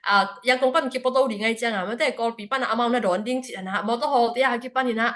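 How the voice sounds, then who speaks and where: Rapid-talking woman addressing a congregation. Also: a little high, fairly bright tone. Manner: rapid, with frequent hesitation fillers. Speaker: speaker at a church prayer fellowship service. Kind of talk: spoken report to a congregation.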